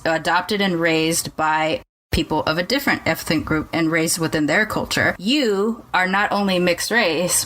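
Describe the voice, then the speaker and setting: A woman's voice: on the low side, a bit bright. A woman hosting a podcast interview, upbeat and enthusiastic, speaking in long run-on sentences. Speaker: podcast host. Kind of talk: casual interview.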